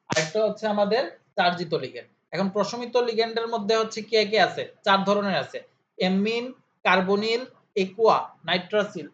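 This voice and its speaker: A male tutor in an informal lesson, asking questions and answering them himself, repeating key terms in drills. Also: sits high. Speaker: chemistry tutor. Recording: slightly dull audio with faint hiss.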